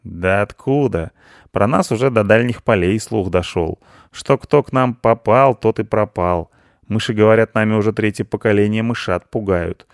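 Brash country tomcat, loud, folksy and full of himself, read by a man. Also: lowish voice, normal speed, dry recording, clean studio sound, natural voice. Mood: boastful. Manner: rough, folksy and boastful. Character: boastful scrappy red village tomcat.

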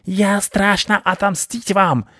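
A man's voice: medium pitch, animated, normal speed, dry recording, studio quality, voice pushed up, close to an everyday voice. A man voicing a pompous, vicious male rat baron who talks in broken grammar, for a storybook reading. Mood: furious. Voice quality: broken grammar, haughty and blustering.

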